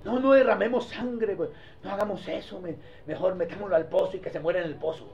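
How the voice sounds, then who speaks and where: A preacher acting out a frightened older brother who hurriedly and quietly pleads against killing his sibling, on a dull lo-fi recording. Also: sits high, fairly quick, vocal fry, distant mic, voice pushed down. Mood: anxious, hushed.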